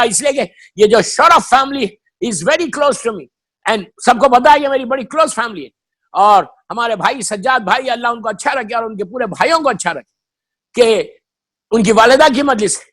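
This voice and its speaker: A male cleric delivers a fervent sermon in a strikingly high, forceful voice. He hammers his points through repetition, drops into English phrases and often climbs to a shout. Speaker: Shia cleric giving a memorial majlis. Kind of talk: impassioned sermon.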